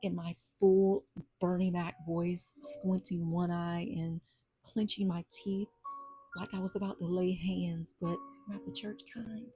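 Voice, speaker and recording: A woman hosting a podcast, telling a personal story in an animated, sassy way with churchy asides. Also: on the low side, measured pace, husky, poor audio. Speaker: podcast host. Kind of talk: storytelling monologue. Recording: soft jazz music behind.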